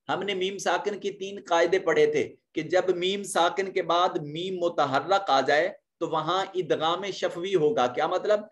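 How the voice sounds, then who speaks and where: A man with a fairly high voice gives a Quran recitation lesson. He works through each tajweed rule step by step, with a few fillers between points. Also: fairly bright tone. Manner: slow drawn-out chanted recitation. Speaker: Quran teacher.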